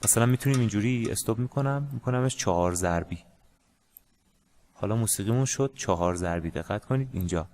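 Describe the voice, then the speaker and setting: A man teaching a music lesson in a casual, hesitant way, with many pauses and fillers. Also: lowish voice, a little mellow, slight background noise. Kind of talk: casual screen-share lesson.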